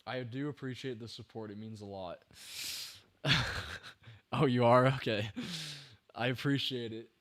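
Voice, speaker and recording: A slightly tired young man livestreams a film breakdown, giving casual, enthusiastic commentary to chat while rambling and restarting sentences. His medium-pitched voice is steady and fairly bright, moving at a measured pace with long pauses. The recording is dry.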